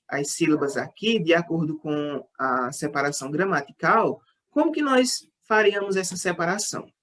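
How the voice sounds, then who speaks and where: A woman teacher with a Brazilian Portuguese accent, patiently explaining a lesson and counting syllables aloud. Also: lowish voice. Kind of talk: online class lesson.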